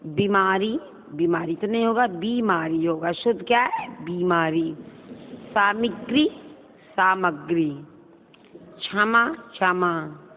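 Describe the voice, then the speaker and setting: A woman's voice: medium pitch, slight background noise. A woman teacher giving a grammar lesson, reading out words in wrong and right forms and checking whether the students follow. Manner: drills word pairs, wrong then right, with questions to students. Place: school classroom. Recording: tinny phone-like sound with long hall reverb.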